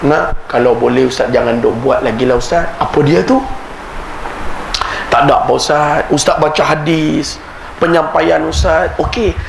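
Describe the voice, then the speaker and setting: A preacher voicing a soft-spoken older man from the congregation with a Kedah Malay accent, polite and hesitant, in an echoey prayer hall with background noise. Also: on the high side, fairly even intonation, moderate pace, gravelly.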